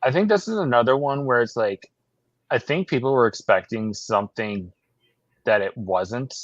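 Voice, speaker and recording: A man's voice: medium pitch, lively intonation, moderate pace, no echo. A man co-hosting a casual podcast who explains his views in a thoughtful way. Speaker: podcast co-host. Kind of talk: casual chat. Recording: dull lo-fi sound.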